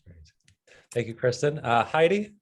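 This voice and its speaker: A man facilitating a meeting, brisk and polite, calling on people one by one over a video call. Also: mid-range voice, very animated. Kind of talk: running a meeting.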